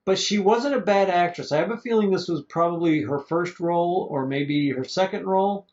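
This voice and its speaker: A man's voice: high voice, normal speed, a little mellow. A man casually chatting as a podcast co-host reviewing an old movie, rambling and chuckling, tripping over names. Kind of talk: casual chat. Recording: dull lo-fi podcast audio.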